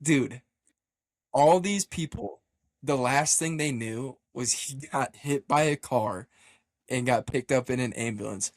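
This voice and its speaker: A man on a running team's podcast telling a story in a casual, animated way, laughing often, swearing freely and acting out what people said. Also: mid-range voice, measured pace, no room sound, studio quality.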